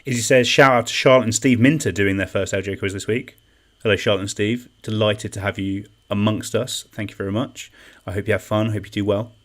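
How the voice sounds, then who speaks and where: A man's voice: lowish voice, fairly even intonation, fairly quick, few pauses. A young man hosting an online quiz in a chatty, self-deprecating way, reading out comments and repeating each question. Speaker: quiz host. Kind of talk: casual live-stream quiz hosting.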